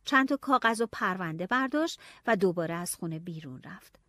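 A woman narrating a novel in the first person, telling it in a lively, expressive way. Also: fairly low pitch, dry recording, studio quality. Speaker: audiobook narrator.

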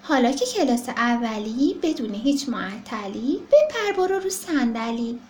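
A woman's voice: on the high side, very animated, darkish tone, a little hiss or hum, voice pushed down. Woman voicing a cheerful kind dentist. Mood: playful. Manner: cheerful, reassuring. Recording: roomy echo.

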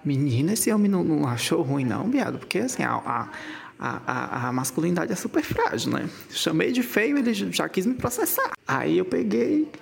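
A woman's voice: very animated, normal speed, creaky. A woman telling a story with dramatic, sassy flair. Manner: dramatic, sassy, quotes herself in high voice. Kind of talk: animated storytelling.

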